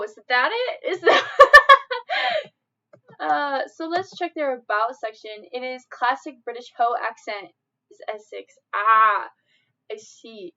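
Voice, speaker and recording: Slow-talking, giggly young woman streamer from Michigan. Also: on the high side, fairly bright tone, muffled recording. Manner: giggly, rambling, easily amused. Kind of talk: casual live-stream chat.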